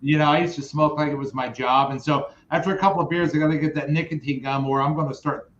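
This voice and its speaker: A man's voice: fairly high pitch, fairly even intonation, fast talker, slight background noise. A man chatting as a podcast guest over a remote call, rambling and interrupting himself as he tells stories. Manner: rambling, self-interrupting storyteller. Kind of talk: casual chat. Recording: echoey, muffled remote call audio.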